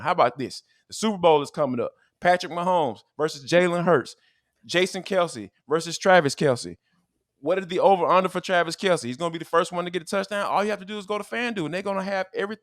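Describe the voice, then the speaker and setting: A man hosts a sports talk show with an animated, emphatic delivery full of casual slang. His voice sits a little high for a man. The recording is dry and close, with no room echo. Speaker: podcast host.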